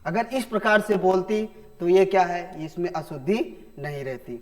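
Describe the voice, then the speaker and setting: A man's voice: high voice, normal speed. A man teaching a Hindi grammar lesson to students, repeating key phrases and calling them children.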